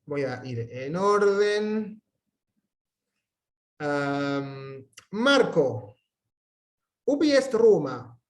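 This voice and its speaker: A man's voice: on the high side, sing-song, drawn-out words, pauses often. Encouraging male Latin teacher. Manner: encouraging, switches between Spanish and Latin questions. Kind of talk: online class teaching.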